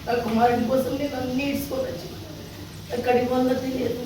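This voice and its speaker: A woman's voice: on the high side, steady tone, fast, close to an everyday voice. A woman acting an ill old mother turned out of her home in a church drama skit, pleading and tearful, recorded from far off in an echoey, noisy hall. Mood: lost, tearful. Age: older.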